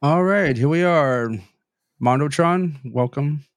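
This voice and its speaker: A man's voice: on the high side, takes it slowly, no echo, studio quality. A young man hosting a podcast, reading news stories aloud with many fillers and restarts, his sinuses stuffy. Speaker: podcast host.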